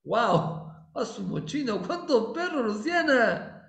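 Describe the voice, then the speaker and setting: A man's voice: very high-pitched, very animated, takes it slowly, vocal fry, fairly bright tone, echoey room. A man teaching an online English class in Spanish, patient, repeating each point and checking that students understand. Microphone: computer mic on a video call.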